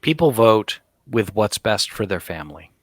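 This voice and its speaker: A man's voice: lowish voice, very animated, normal speed, no room sound. A middle-aged man co-hosting a casual political chat podcast, talking emphatically and mockingly, often repeating himself. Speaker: podcast co-host.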